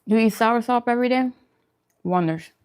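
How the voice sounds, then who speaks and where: A vegan food vlogger hosting a mukbang chats casually on a livestream, answering viewers with emphatic, opinionated food advice and repeating phrases for emphasis. Her voice is on the high side and clean with a darkish tone, at normal speed.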